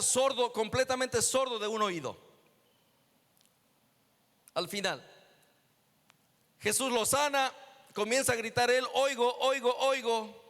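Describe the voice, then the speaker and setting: A man's voice: very high-pitched, a bit bright. A man preaching as a guest pastor, telling a healing story and acting out the dialogue. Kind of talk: sermon testimony. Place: church hall. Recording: echoey church hall.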